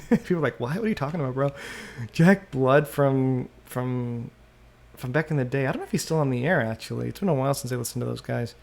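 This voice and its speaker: A man hosting a solo podcast, thinking out loud and often trailing off and restarting mid-sentence, into a desktop microphone. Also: medium pitch, a little fast, creaky. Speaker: podcast host. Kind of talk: rambling solo podcast monologue. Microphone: USB desktop microphone.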